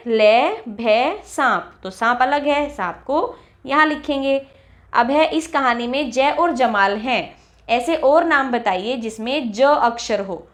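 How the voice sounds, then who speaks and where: A woman teacher walking young children through a textbook lesson, reading each example word slowly and clearly. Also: on the high side. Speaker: primary school teacher.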